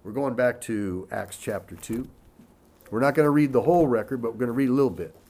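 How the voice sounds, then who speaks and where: Brisk and medium-pitched, a male pastor reads scripture aloud and fills the gaps with easygoing asides, often saying "you know," in a conversational teaching.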